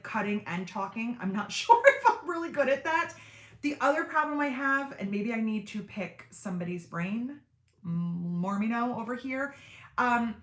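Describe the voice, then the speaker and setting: Reading viewer comments in a casual sewing livestream, the host chats happily with lots of fillers and wry jokes at her own expense. She speaks in a fairly deep everyday voice with a slightly bright quality, and the home-studio room echo is noticeable.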